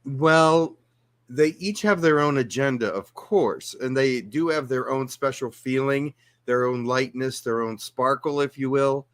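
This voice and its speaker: A man being interviewed as a guest, answering questions in a calm, explanatory way. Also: medium pitch, unhurried. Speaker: guest channeler.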